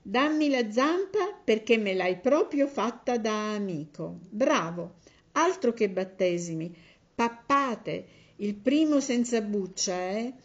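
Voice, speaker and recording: A woman's voice: on the high side, expressive, slow pace. A woman voicing a fussy little mouse. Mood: bitter. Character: naive little male mouse, fussy and chatty. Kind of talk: storybook reading. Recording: slightly dull lo-fi recording.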